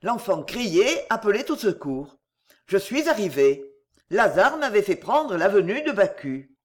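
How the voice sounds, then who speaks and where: A reader voicing a blunt rustic male gamekeeper with rough country speech in an audiobook. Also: high-pitched, big pitch swings, measured pace, exaggerated voice. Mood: urgent. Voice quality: rural working-class speech. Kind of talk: audiobook character reading.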